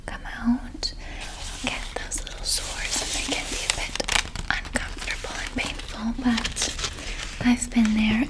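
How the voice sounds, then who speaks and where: A woman doing a whispered role-play as a gentle, nurturing flower fairy, in a soft breathy whisper with a soothing, unhurried manner. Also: fairly high pitch, poor audio.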